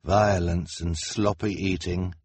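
A man's voice: fairly low pitch, very animated, a little slow, no echo. A man voicing a sleepy, weary carnival worker who sounds tired and resigned.

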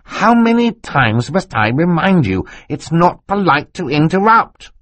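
A man voicing an excitable, fussy older male snake scientist in an audiobook, talking over others. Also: a little high, measured pace, no echo, voice pushed up. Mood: excited. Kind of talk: audiobook character voice.

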